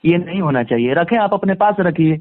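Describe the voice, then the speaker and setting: A man appears as a guest in a conversational phone interview, speaking emphatically and repeating phrases for stress. His high-pitched voice is expressive and brisk. Recorded dry over a phone line, the audio is tinny and band-limited.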